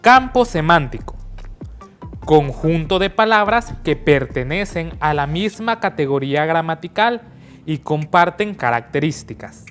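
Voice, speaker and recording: A woman narrating a scripted lesson, explaining each point slowly and carefully. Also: sits low, lively intonation. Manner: slow, carefully spelled-out teaching. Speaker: teacher. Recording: soft background music.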